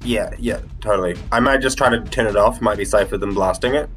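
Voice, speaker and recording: A man's voice: on the low side, fast talker, a bit bright, faint music behind. A man casually playing a tabletop game, hesitant and full of fillers. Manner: hesitant, full of ums and likes. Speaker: player.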